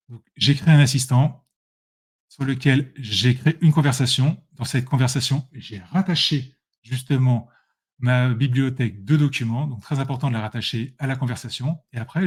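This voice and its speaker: A man's voice: medium pitch, normal speed, darkish tone, husky. Male presenter, casual screen-share tutorial, chatty and self-correcting, addresses viewers directly. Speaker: presenter demonstrating software.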